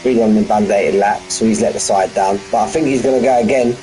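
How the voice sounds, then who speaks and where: A sim racing commentator streams live race commentary from his front room, chatting and bantering with viewers. His voice is fairly low and fast with a warm tone. The recording is low quality, with faint music in the background.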